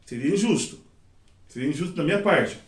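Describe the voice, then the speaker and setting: Middle-aged male teacher, lively and chatty, high voice, recorded in a roomy space from a distance. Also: brisk. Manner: lively, acts out examples and quotes. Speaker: sign language interpreting teacher. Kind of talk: casual classroom teaching. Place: classroom. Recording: echoey room, mic at a distance.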